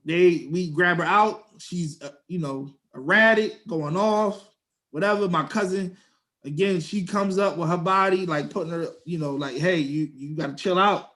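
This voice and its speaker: A man's voice: high-pitched, normal speed, a bit bright. A young man, co-hosting a podcast and telling a story in slangy casual chat, acting out quotes in a raised voice. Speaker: podcast co-host.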